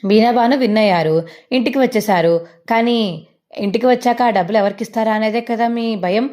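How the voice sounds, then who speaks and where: A woman's voice: fairly high pitch, brisk, a little mellow, natural voice. A woman doing a sneering young woman. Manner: sneering, accusing.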